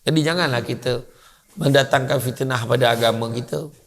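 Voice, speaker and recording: A man giving a humorous religious lecture, telling comic stories in an animated way. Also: mid-range voice, a little fast, vocal fry. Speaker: preacher. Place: mosque lecture hall.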